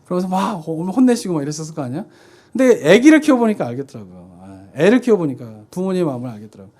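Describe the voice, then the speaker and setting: Chatty pastor asking and answering himself. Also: male voice, high-pitched, big pitch swings, rapid-fire, darkish tone. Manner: conversational, asks rhetorical questions and answers himself. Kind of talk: sermon. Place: church sanctuary.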